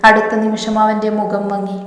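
A woman reading a romance story aloud in a steady, gentle way. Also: medium pitch, moderate pace. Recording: echoey reverberant room.

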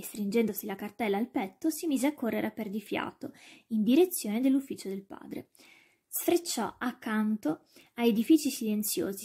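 A woman narrating a children's ghost story with measured, expressive pacing. Her voice sits fairly high for a woman but sounds mellow and soft, with a breathy, husky edge.

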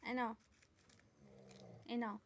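A woman's voice: slow, noisy background. A young woman, a mother, talks to her small daughter in a home vlog, using coaxing, soothing baby talk. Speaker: family vlogger, mother.

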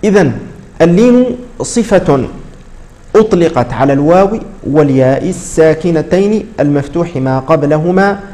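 A man teaching a tajweed lesson, explaining patiently and repeating words slowly to model their pronunciation. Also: a little high, animated, dark tone. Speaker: Quran recitation teacher.

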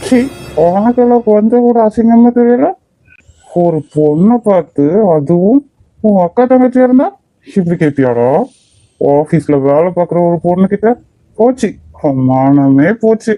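A man's voice: high-pitched, expressive, measured pace, mellow, no room sound, soft background music, poor audio. A man doing a confrontational young cartoon guy. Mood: accusing. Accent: Kanyakumari Tamil. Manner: confrontational, mocking. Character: angry young male office friend.

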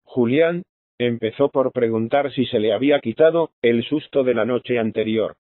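A man reads a classic novel aloud in a measured, even way. His voice sits in a middle register. The audio is tinny like a phone line and completely dry. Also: mid-range voice, dry recording. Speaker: audiobook narrator. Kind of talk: literary audiobook narration.

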